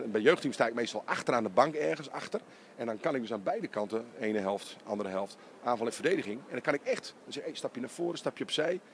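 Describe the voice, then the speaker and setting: In an empty arena after the game, a middle-aged coach speaks with emphasis into a close handheld interviewer mic. He's animated, firing off quick bursts in a mid-range voice, and a little background noise is audible.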